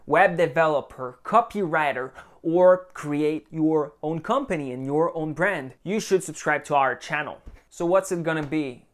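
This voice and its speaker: A man's voice: fairly high pitch, fairly bright tone. A young man delivering a blunt, profane motivational advice monologue as a vlogger.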